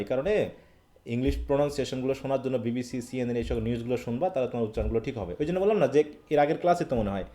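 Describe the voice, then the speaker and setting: A man's voice: medium pitch, mellow. A man from Bangladesh teaching a live online English class, often checking that students follow. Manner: asks questions and checks understanding.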